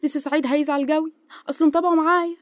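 A woman's voice: sits high, fairly even intonation, dry recording, clean studio sound, natural voice. A woman as a chatty maid. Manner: fawning, talkative, very quick. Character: eager, chatty female housemaid.

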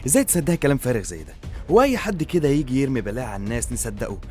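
An indignant young groom, as a man plays him, firing off defensive denials at breakneck speed. His Egyptian Arabic jumps around in pitch, with faint music behind. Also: big pitch swings, racing, a little mellow, natural voice.

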